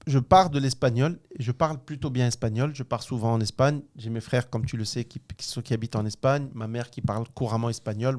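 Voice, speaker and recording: A man in his thirties from Morocco, telling a school story in casual chat, animated and frank, laughing often and using slang. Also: mid-range voice. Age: 30s. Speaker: podcast co-host.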